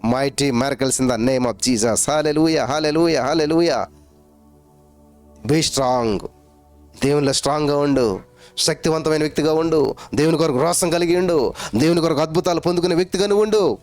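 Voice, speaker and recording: A man preaching a sermon with fervor, chanting repeated phrases and calling out hallelujahs, with English phrases drawn out slowly. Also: on the high side, darkish tone, soft background music. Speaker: pastor.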